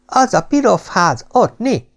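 A man voicing a small child who lisps through missing front teeth, speaking slowly and whiny. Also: high-pitched, expressive, clear, resonant tone, pitched above the performer's own voice. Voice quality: lisping. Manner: drawn-out, whiny. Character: small lisping sobbing child.

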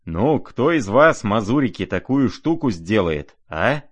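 A wild young merchant, exultant and brash, boasting at the top of his voice, as a man acts him out in a storybook reading. The shouts are stretched and bold over a low voice. The recording is dry and close. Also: very animated, dry recording. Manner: loud, boastful, drawn-out shouting.

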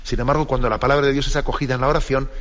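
Reflective priest hosting call-in radio. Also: male voice, medium pitch, fairly even intonation, racing, fairly bright tone. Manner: reflective, restarts phrases, adds tags like "¿eh?" and "¿no?". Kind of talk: live call-in radio teaching. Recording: muffled lo-fi radio broadcast.

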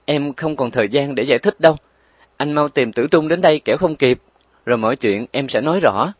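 A man's voice: medium pitch, fairly quick, breathy edge, dry recording, pitched above the performer's own voice, lightly acted. A man voicing a frail young mother who is desperate and pleading, in a weak, raised voice.

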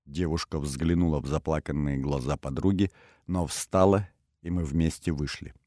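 Deep-voiced guy reading a novel aloud, expressive, dry booth sound. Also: normal speed, no room sound. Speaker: audiobook narrator. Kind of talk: scripted first-person narration.

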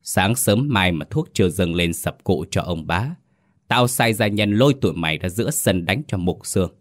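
A man's voice: low-pitched, lively intonation, moderate pace. A man voicing a cruel, scheming second wife of a landlord, giving cold and contemptuous orders in a storybook tale. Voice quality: cold, hissing threats. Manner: contemptuous, commanding.

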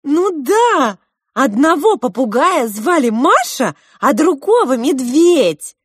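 A woman voicing an excitable little girl with a high, eager voice. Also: slow pace, dry recording, studio quality, exaggerated voice.

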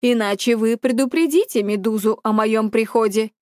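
A woman voicing a bold young male hero who speaks slowly and mockingly. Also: a little high, a little mellow, no room sound, clean studio sound, natural voice. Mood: cocky.

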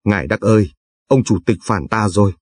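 A man's voice: on the low side, brisk, a little mellow, dry recording, studio quality, lightly acted. A man voicing an elderly male official who speaks in a plaintive, complaining way. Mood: aggrieved.

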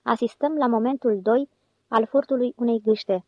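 Brief: woman reading male con man leader, solemn mock-official tone, higher voice, dry dull recording. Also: steady tone, no echo, natural voice.

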